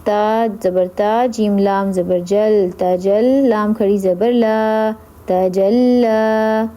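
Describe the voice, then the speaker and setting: A woman teaching Quran reading who spells out letters and vowel marks, then repeats each word slowly, humming doubled letters through the nose. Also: mid-range voice, fairly even intonation, dark tone. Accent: Urdu. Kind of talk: slow spelled-out recitation lesson.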